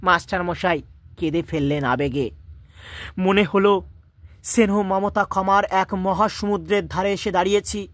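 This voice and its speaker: A man's voice: sits high, measured pace, no echo. A male teacher reading a story aloud and stopping often to explain its words and restate its lines.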